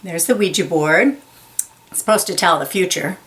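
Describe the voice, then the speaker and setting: This woman's voice sits fairly low and is a bit bright. She reads a children's picture book aloud at a slow, deliberate pace, emphasizing key words with care and explaining them simply so young listeners can follow.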